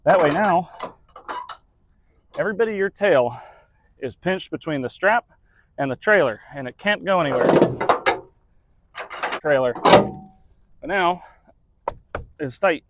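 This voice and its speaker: A man's voice: fairly high pitch, lively intonation, slow, pauses often, noisy background. Laid-back swearing trucker man. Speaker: truck driver. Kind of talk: casual vlog narration.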